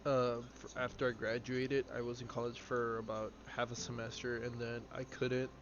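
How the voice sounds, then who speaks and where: A twenty-two-year-old man with a medium-pitched, level voice chats at a normal speed on a live game stream. He rambles with lots of fillers, answering viewers offhand while playing. The audio is slightly dull with clear background noise.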